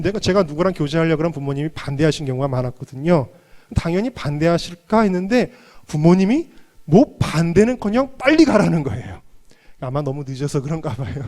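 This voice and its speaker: A man's voice: on the high side, a little mellow. A man, a pastor, preaching at a revival meeting with humorous personal stories. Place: church.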